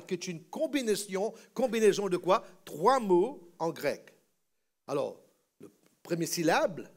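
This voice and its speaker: A male pastor preaches in a church, drilling his congregation on a word and calling for them to repeat it back. His voice sits fairly high and swings widely in pitch. He takes his time, with a slow, deliberate pace. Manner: call-and-response teaching, repeating words for the congregation. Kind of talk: sermon.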